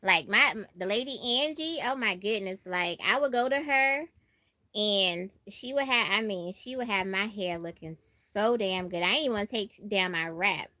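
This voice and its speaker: A Brooklyn, New York woman hosts a livestream in casual chat, her American accent carrying a country Southern tinge as she talks expressively and repeats phrases for emphasis. Her voice sits at medium pitch with a sharp tone and moderate pace, and there's no room sound.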